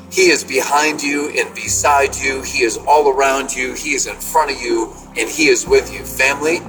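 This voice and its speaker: A man from Massachusetts leaves an uplifting call-in message over a phone line from inside his car. He sits a little away from the mic, and music plays steadily underneath. His delivery is earnest and halting, with frequent fillers. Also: medium pitch, recorded from a distance. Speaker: caller.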